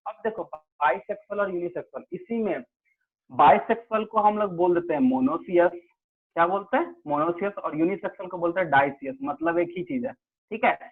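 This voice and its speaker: A man's voice: sits high, sing-song, brisk, creaky, slightly rough. Man teaching over tinny online audio. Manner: explains in Hindi-English mix, quizzes students, repeats "ठीक है". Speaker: biology teacher. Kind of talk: online class lecture.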